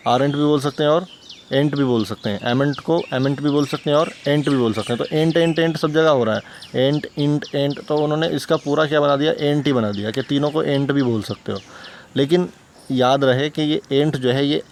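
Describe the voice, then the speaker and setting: A male teacher with a mother tongue explains English grammar in a relaxed, talky style. He repeats examples and keeps asking rhetorical questions. His voice sits in a middle pitch, with faint background noise and birdsong. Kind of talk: casual classroom explanation.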